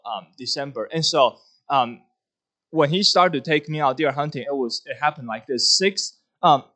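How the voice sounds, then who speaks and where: A man's voice: fairly high pitch, fairly bright tone. Earnest man from Taiwan giving testimony. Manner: earnest, halting with many fillers. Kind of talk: church testimony.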